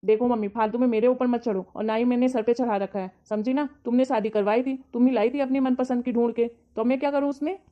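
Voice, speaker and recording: A woman voices a grown son who whines and argues back at his mother in a raised, fast voice. The sound is dull and lo-fi. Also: a little high, steady tone, close to an everyday voice. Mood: defensive. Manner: defensive, whiny arguing. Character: exasperated grown son, defensive. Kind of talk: scripted family comedy sketch. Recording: dull lo-fi audio.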